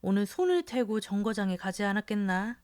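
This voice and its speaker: A woman voicing a crude, drunken middle-aged male rickshaw puller in a storybook reading, shouting and cursing. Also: mid-range voice, expressive, a little fast, clear, resonant tone, dry recording, clean studio sound, close to an everyday voice. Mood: mocking.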